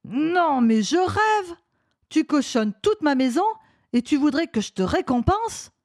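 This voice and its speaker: A woman voicing a grumpy old man who grumbles gruffly in a children's story reading. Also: sits high, sing-song, measured pace. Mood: angry.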